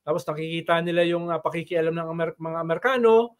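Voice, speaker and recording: A man's voice: on the high side, quick pace, smooth. An older man discussing politics in a casual talk show, explaining at length and tagging sentences with "no?".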